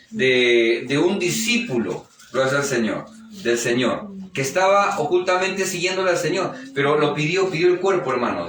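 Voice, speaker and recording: A fervent male pastor preaches in a church hall, his fairly high voice ringing back off the walls. He is caught from some distance by the microphone, with a faint hum of ambience underneath. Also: fairly bright tone. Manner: fervent, keeps interjecting praise and calling the listener brother. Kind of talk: live church sermon. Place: church hall during a service. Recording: echoey church hall, picked up from afar.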